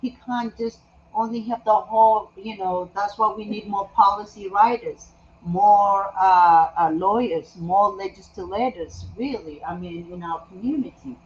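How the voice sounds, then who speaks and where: A woman's voice: mid-range voice, measured pace. A woman from Ethiopia, talking passionately and emphatically in a casual conversation. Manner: passionate, emphatic, frequent agreeing yeahs. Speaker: host. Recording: dull lo-fi sound with faint background noise.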